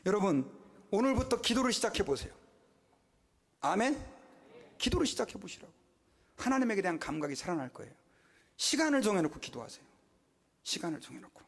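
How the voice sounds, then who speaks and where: A man in his fifties, a pastor preaching a sermon with emphatic, animated delivery, rhetorical questions and acted-out quotes. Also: high-pitched, fairly quick, vocal fry, long pauses, husky.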